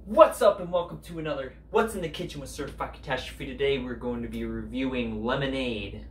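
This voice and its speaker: A young man hosting a comedic home cooking vlog, goofy and jokey, sometimes breaking into loud mock commands, filmed in his kitchen on a camera mic. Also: mid-range voice, fairly quick, echoey room, background noise. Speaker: cooking video host.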